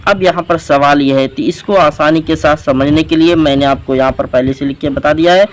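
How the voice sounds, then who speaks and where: A man's voice: a little high, steady tone, fairly quick, a little hiss or hum, poor audio. A man teaching Quran reading, patiently spelling out letters and vowel marks syllable by syllable in a step-by-step lesson. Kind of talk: slow step-by-step recitation lesson.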